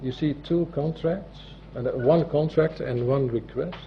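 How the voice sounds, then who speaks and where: A man with a Dutch accent gives a formal presentation as a notary, speaking in a deliberate, halting way. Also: fairly high pitch. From Netherlands. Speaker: civil law notary giving a presentation. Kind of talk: formal presentation, partly read from a script. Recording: dull, muffled audio with loud background noise.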